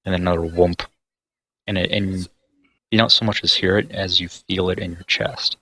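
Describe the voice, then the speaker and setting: A man with a low, bright voice narrates a tabletop game as its game master. He talks in a level, even tone and voices the sounds he describes. It sounds like voice chat through a headset. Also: moderate pace, a little hiss or hum. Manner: descriptive, mimics sounds with his voice.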